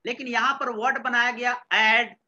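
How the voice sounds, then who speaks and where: This Bihari computer science teacher speaks at normal speed with an extremely high pitch and a flat delivery, though his voice stays bright and forward. During the classroom lecture he quizzes students, echoes their replies, and mixes English terms into Hindi. The recording is dull and lo-fi.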